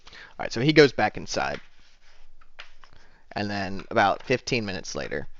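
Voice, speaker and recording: Guy running a tabletop game, lots of uhs, lowish voice, dull dry audio. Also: big pitch swings, a bit bright. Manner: halting, many fillers. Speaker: game master.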